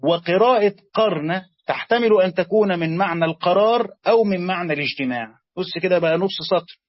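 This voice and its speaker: A man with an Egyptian accent teaching a lesson, explaining slowly, repeating words and quizzing his students. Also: sits high, no echo. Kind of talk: classroom lesson on Quranic grammar. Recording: dull lo-fi sound, dry.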